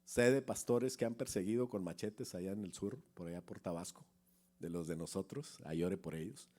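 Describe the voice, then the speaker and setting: A middle-aged pastor with a deep, slightly mellow voice preaches fairly quickly in a conversational style. He chats with the congregation, asks them questions, and acts out little anecdotes.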